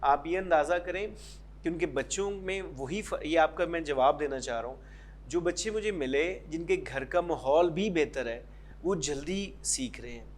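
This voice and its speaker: A man's voice: on the high side, slight background noise. A man with a Pakistani accent, a guest English teacher answering interview questions and mixing English phrases into his talk. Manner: mixes English phrases into Urdu, explanatory.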